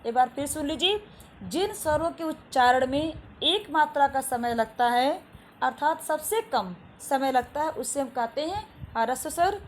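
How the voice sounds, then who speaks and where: Casting: woman teacher, high voice, patient and repetitive, faint hiss behind. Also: animated. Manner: repeats each definition slowly, asks and answers own questions. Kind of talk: classroom lesson to children.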